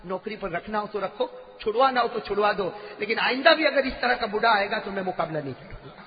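A man preacher voicing a mighty male royal wrestler who speaks with calm, steady dignity. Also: high-pitched. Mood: resolute. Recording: echoey hall, muffled sound.

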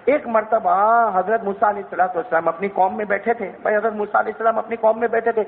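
A man's voice: sits high, steady tone, creaky. A man preaching a sermon, telling a story with passion and asking his listeners questions directly. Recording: tinny phone-like sound in a reverberant hall.

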